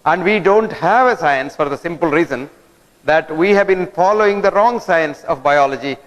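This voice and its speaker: A man's voice: a little high, moderate pace. A man giving a speech to an audience, full of rhetorical questions put to the listeners. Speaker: guest lecturer. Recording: long hall reverb.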